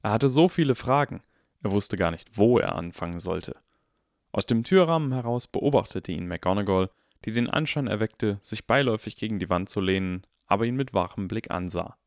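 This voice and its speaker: A man reading an audiobook in calm, even, measured narration. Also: on the low side, no room sound, clean studio sound. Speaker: audiobook reader. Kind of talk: scripted narration.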